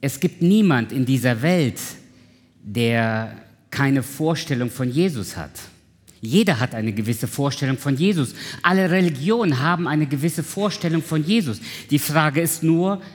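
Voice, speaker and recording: A man's voice: medium pitch, expressive, normal speed, breathy edge. A man preaching a sermon to a congregation, conversational and often asking his listeners questions. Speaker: pastor. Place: church hall. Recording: reverberant church hall.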